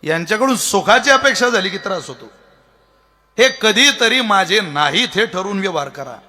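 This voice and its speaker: A man preaching a devotional kirtan sermon in a lively, humorous manner, talking straight to the crowd. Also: sits high, moderate pace. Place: festival pavilion. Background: faint tabla and instruments.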